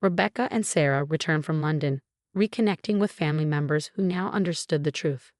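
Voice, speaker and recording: Female story narrator, measured scripted read, low pitch, dry close sound. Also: a little mellow, dry recording.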